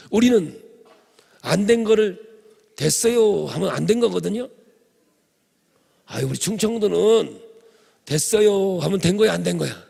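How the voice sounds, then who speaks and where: A man from preaches a revival sermon, his voice rough and gravelly with a husky edge. He sits a little high for a man and keeps turning to the congregation with jokes and asides. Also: a little mellow. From Chungcheong Province, Korea. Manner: humorous, addresses congregation directly. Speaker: pastor.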